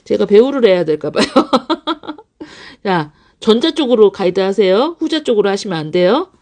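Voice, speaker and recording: A woman's voice: medium pitch, very animated, normal speed, a little mellow, a little hiss or hum. A woman running an English academy, talking casually to parents on a live stream and often laughing as she acts out examples. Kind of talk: live-stream talk answering parents' questions.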